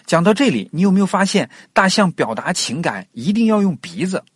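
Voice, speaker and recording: 一位男主播以富有表现力的讲解口吻，像自然纪录片解说一样给孩子讲科学故事，不时向听众提问。. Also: male voice, high voice, brisk, slightly rough, no room sound, studio quality. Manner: expressive, explanatory, puts questions to the listener. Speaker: host of a children's science story show. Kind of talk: scripted educational storytelling for children, nature documentary narration.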